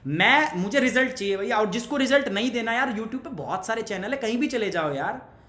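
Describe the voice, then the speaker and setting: A man's voice: high-pitched, lively intonation, a little fast, pushed and bright, echoey room. A young man teaching an online exam-prep class, chatty and pushy, mixing Hindi with English and asking the class questions as he goes. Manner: pushy, motivational asides to students.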